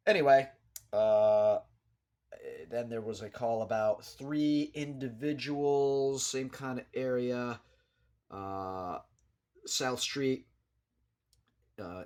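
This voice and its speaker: A low-voiced man gives an unscripted local news commentary, rambling in a hesitant, matter-of-fact manner much like a small-time vlogger talking through events.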